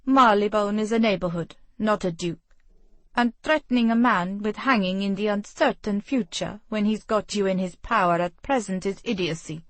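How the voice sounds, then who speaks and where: Woman reader doing a gruff, curt audiobook hero, sardonic and commanding. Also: mid-range voice, normal speed, fairly bright tone, no echo, lightly acted. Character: gruff, commanding young man, dazed from injury. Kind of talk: audiobook dialogue.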